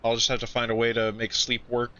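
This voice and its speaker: Speaking fast in a totally flat, bright and forceful medium-pitched voice, a gamer tosses off casual remarks as he plays a racing game, musing aloud. The audio is dull and slightly lo-fi.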